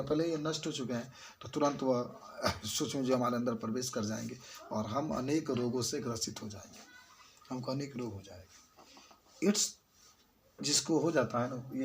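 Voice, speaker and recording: A man's voice: mid-range voice, slight background noise. Chatty male teacher. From eastern Uttar Pradesh, India. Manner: colloquial, keeps quizzing students and answering himself. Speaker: biology teacher. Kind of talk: classroom lecture.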